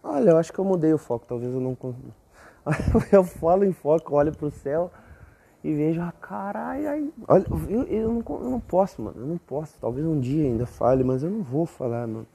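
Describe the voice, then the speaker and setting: A young man hosting a casual rambling monologue, profane and self-mocking, often breaking into high squeaky exclamations. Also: expressive, brisk, gravelly, dark tone, slightly rough. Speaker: podcast host.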